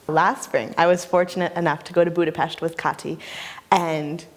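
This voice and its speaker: Woman, low voice, interview, admiring and warm in her praise. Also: level tone, moderate pace.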